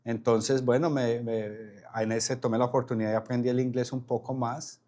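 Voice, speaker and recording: A man's voice: medium pitch, level tone, moderate pace, mellow. A man, a podcast guest telling his story with frequent restarts and repeated words. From Colombia. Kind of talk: casual interview conversation.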